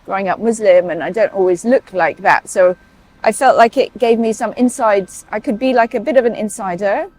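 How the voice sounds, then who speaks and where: A paediatric emergency consultant with a British accent, who grew up in Saudi Arabia, is the guest in a casual interview chat on a low-quality recording. Her voice is a little mellow, with medium pitch and normal speed. She talks freely and chattily, scattering fillers and asides throughout.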